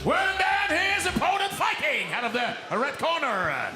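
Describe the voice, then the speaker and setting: A man announcing fighters into the arena with long, drawn-out booming calls. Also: lively intonation, music in the background. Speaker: ring announcer. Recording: echoey arena with loud crowd. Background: roaring crowd and noise.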